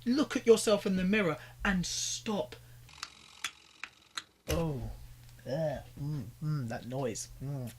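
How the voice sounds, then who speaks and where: A man's voice: fairly high pitch, slow pace, pauses often, a little hiss or hum. A young British man giving exasperated, ranting reaction commentary, pleading with the people on screen. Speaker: commentary YouTuber.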